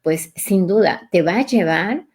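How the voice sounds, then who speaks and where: Female host for a coaching live stream, fairly low pitch, reflective and questioning. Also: lively intonation, a little slow, darkish tone, slightly rough. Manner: reflective, poses questions to the listener. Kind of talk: motivational live talk. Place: live online session.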